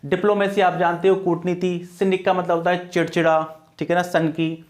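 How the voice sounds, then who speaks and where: A man's voice: sits high, level tone, moderate pace. A man teaching an English grammar and vocabulary lesson for exam preparation, asking questions and answering them himself to drill key words. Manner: repeats key words as questions to students, explains patiently.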